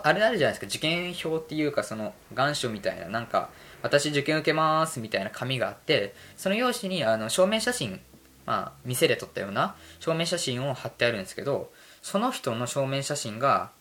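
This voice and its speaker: A man's voice: mid-range voice, a bit bright. A young man hosting a solo podcast, rambling casually and mocking himself. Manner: rambling, self-mocking, drifts between topics. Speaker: podcast host.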